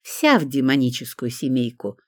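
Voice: medium pitch, big pitch swings, normal speed, dry recording, studio quality. A reader voicing an imperious, sardonic elderly woman with a well-trained commanding voice. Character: imperious sharp-tongued elderly woman patient.

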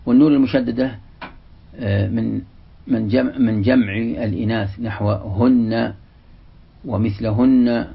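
A man giving a religious lesson, reading a passage from a classical text and then explaining it slowly, repeating the example words. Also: mid-range voice, fairly even intonation, creaky, breathy edge. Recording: dull, lo-fi lecture recording.

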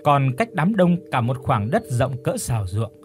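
A man reading a ghost story aloud in a measured, even storytelling voice. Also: mid-range voice, soft background music. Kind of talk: scripted ghost story narration.

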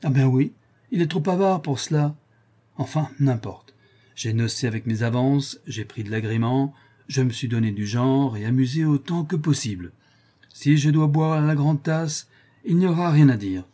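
Man puts on a frank superstitious sailor, salty, raised and husky. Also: mid-range voice, expressive, normal speed, warm tone, pitched above the performer's own voice, lightly acted. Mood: grave. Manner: blunt, salty, earnest. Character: frank superstitious old-time male sailor.

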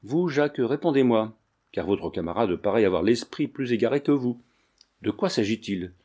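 A man's voice: mid-range voice, lively intonation, moderate pace, dark tone, slightly rough. A man reading the part of an angry, imperious middle-aged prince with curt, commanding questions. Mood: impatient.

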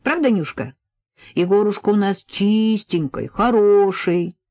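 A woman's voice: mid-range voice, animated, a little slow, warm tone, dry recording. A woman reading an audiobook voicing an offhand, dismissive young woman artist. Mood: breezy. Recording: dull lo-fi recording.

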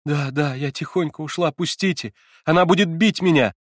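A frightened, stubborn young girl, put on by a man reading a novel aloud, her curt replies pitched up above his usual low voice. She begs in a hushed, urgent way and snaps back defiantly. The sound is close and dry, with no room around it. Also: extremely slow, slightly rough, dry recording, full character voice. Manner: curt, pleading, near a whisper at times.

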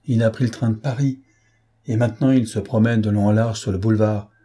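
A man's voice: fairly low pitch, fairly even intonation, a little fast, warm tone, breathy edge. A man voicing a dutiful hotel-boy henchman. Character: loyal male hotel boy, obedient henchman. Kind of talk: audiobook character voice.

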